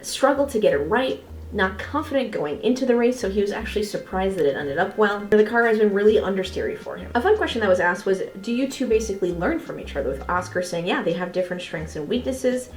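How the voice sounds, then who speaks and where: A motorsport video creator hosts a semi-scripted race review, her mid-range voice expressive and fast as she speaks in an informal, opinionated and emphatic way. The recording has a roomy echo with faint music behind.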